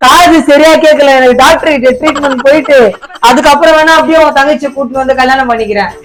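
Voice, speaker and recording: High-voiced man wailing in a home prank. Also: fast talker, a crowd in the background, low-quality recording. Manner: pleading, keeps wailing and feigning he can't hear. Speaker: vlogger pranking his wife. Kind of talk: casual couple prank banter. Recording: background music under the talk.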